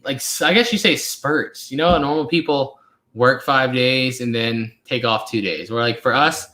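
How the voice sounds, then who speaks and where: A man's voice: mid-range voice, normal speed, pushed and bright. A man in his twenties hosting a casual live question-and-answer chat, rambling along with lots of fillers. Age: 20s. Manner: laid-back, rambling with many fillers. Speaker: channel host. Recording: roomy echo.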